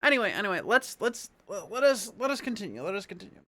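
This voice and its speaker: Bright, sharp-voiced man reading aloud. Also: high voice, very animated, fast talker. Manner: sweary, playful. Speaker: amateur book reader. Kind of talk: casual chat and storybook narration.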